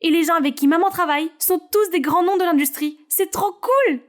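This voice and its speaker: Bubbly, pushy kid sister for an animated story, high bright voice, woman voices her. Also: a little fast. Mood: excited. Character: eager, envious younger sister.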